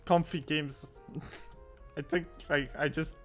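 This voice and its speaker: A man chats on a podcast in a slightly higher-pitched voice. He talks in a playful, easygoing way. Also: fairly even intonation, slow, fairly bright tone, faint music behind. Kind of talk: casual chat.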